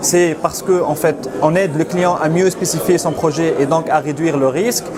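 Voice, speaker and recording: A young Tunisian man with a Tunisian accent giving a confident startup pitch, switching between dialect and French. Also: steady tone, fairly quick. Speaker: startup director. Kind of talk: event interview pitch. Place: outdoors at an event. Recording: crowd noise behind.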